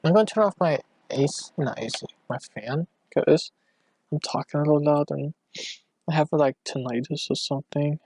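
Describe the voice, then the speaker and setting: A man talks through a late-night solo podcast, wandering from thought to thought with constant restarts and fillers. His voice is gravelly and a little breathless. He records at home on a cheap mic, and the sound is close and dry. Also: fairly high pitch, normal speed, darkish tone, dry recording. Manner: meandering, hesitant, full of restarts and fillers. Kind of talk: rambling casual monologue. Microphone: cheap home microphone.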